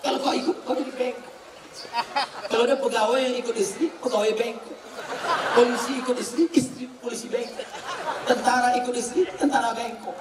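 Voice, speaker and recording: A man preaching a humorous sermon to a live audience, answering their questions with teasing jokes and swinging from soft asides to shouted points. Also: extremely high pitch, steady tone, fairly quick, heavy background noise. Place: large hall with a live audience. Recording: echoey hall, distant, crowd laughter.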